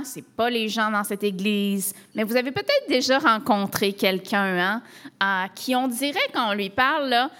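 Canadian woman preaching a lively sermon. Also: fairly high pitch. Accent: Québécois French. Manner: conversational preaching with rhetorical questions and frequent tags like "hein" and "là". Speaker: pastor.

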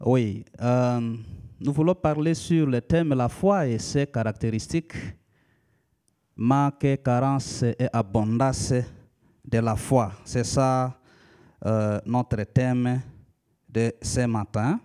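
This sermon is given by a pastor from the Democratic Republic of the Congo, a man in his thirties who speaks Lika natively. His medium-pitched voice is steady, warm, and smooth, and he preaches in a measured, instructive manner with many hesitations.

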